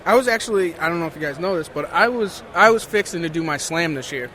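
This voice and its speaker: Man, podcast co-host, lively and profane, slightly high voice, faint noise. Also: fast talker. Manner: animated, profane, rambling. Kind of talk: casual chat.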